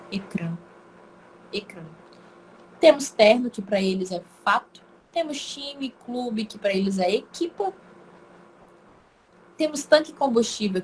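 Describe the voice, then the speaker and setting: A woman's voice: mid-range voice, a little hiss or hum, low-quality recording. A Brazilian woman with an Acre accent teaching an informal online language lesson, chatty and emphatic, repeating words aloud to show how they are said. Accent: Brazilian Portuguese, Acre.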